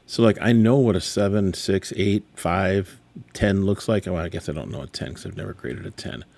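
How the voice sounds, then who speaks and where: A man's voice: sits low, moderate pace, gravelly, darkish tone. A middle-aged man talking casually, rambling and exasperated, correcting himself often as he reacts to graded sports cards. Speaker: sports card dealer. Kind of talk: casual card grading reveal vlog.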